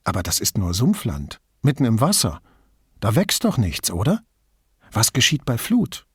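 A man's voice: mid-range voice, huge pitch swings, normal speed, breathy edge, no echo, clean studio sound, heavily acted. A man reading an audiobook, voicing a curious, city-bred police inspector with a raised, eager, questioning tone. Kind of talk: audiobook character voice.

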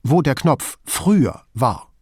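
A male reader voicing a stern female police officer who speaks firmly and deliberately. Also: mid-range voice, sing-song, a little mellow, husky, dry recording, studio quality, heavily acted.

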